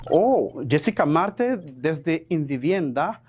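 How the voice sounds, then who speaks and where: A man's voice: on the high side, sing-song, slow, a little mellow, a little hiss or hum. A man teaching a televised lesson, explaining patiently and repeating examples as he moves between French and Spanish.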